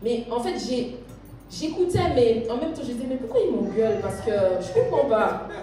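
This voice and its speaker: A woman's voice: on the high side, very animated, normal speed, mellow, slight background noise. A woman telling her faith testimony as a church member, hesitant and searching for words, often restarting, sometimes laughing. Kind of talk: spontaneous spoken testimony. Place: church hall. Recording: echoey room, mic at a distance.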